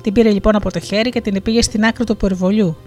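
Steady folktale narrator over soft music. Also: medium pitch. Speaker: storyteller. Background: faint music.

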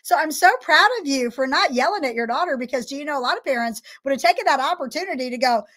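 A woman hosts a faith-based chat, answering others with affirming, preacherly encouragement. Her voice sits fairly high. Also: very fast, fairly bright tone. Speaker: host.

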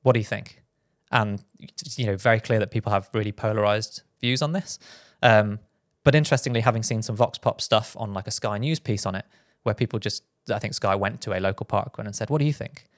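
British male podcast co-host, rapid delivery, dry close-mic sound, casual chat. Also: lowish voice, steady tone, no room sound. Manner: quick, with frequent restarts and fillers.

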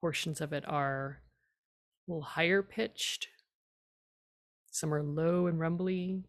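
A woman leading a tea meditation gives gentle, simple instructions in a fairly low voice with plenty of vocal fry. She is calm and unhurried and leaves long pauses between phrases.

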